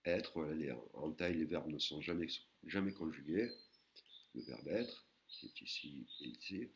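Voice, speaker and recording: A man teaching a recorded language lesson, patiently explaining and sounding out words slowly, syllable by syllable. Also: a bass voice, a little hiss or hum. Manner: slow, careful, syllable-by-syllable pronunciation of Thai words.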